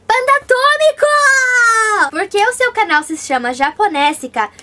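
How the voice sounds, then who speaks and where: With big pitch swings at normal speed, a young woman from Brazil runs a casual question-and-answer vlog in a very high, light voice. She reads out viewer comments and chattily responds to every one, against heavy background noise.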